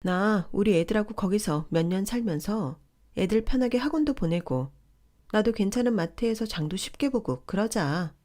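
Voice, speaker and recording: A woman voicing a pushy, condescending older sister-in-law who scolds in a shrill, entitled way. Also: lively intonation, normal speed, mellow, natural voice. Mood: scolding.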